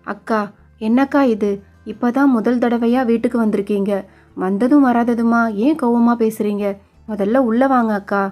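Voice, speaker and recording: A woman reading a gentle, loving young wife. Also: a little high, normal speed, soft background music, close to an everyday voice. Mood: pleading. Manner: soft, pleading, affectionate.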